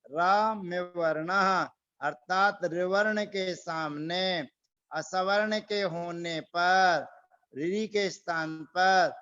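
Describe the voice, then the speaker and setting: A man teaching a Sanskrit grammar class online, reciting rules slowly and repeating them for the students. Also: sits high, bright, forceful tone, clean tone, lo-fi sound. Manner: slow, repeats rules and drills pronunciation.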